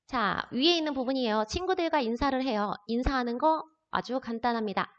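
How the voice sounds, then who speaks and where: This recorded classroom lesson features a woman with a high-pitched voice teaching beginners a language, fairly quickly but with patient, step-by-step explanations of each word. The audio is dull and lo-fi, with long reverb.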